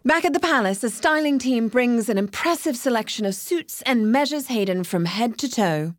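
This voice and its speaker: A woman's voice: a little high, animated, normal speed, no echo. A woman giving scripted narration of a story in a playful storytelling manner.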